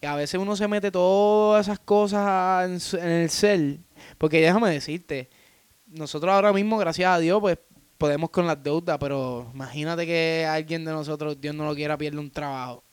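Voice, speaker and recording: A man with a Puerto Rican accent co-hosting a casual podcast chat, animated and swearing freely. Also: fairly high pitch, moderate pace, clean tone, no room sound. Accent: Puerto Rican Spanish. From Puerto Rico. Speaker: podcast co-host.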